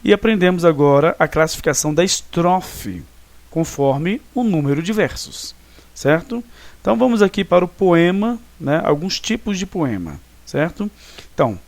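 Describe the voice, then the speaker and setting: A man's voice: high voice, darkish tone, dry recording. Man teaching, checking in with tag questions. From Brazil. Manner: explanatory, checks understanding with frequent tag questions; counts syllables slowly and deliberately. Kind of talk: recorded online lesson.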